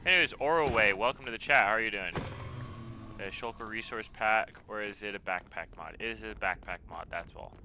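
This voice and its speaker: Low-voiced young man chatting on stream. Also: brisk, a little hiss or hum. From United States. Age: 20s. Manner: relaxed, reads out and answers chat messages while gaming. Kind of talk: casual live-stream chat. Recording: game music playing behind the voice. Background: background music.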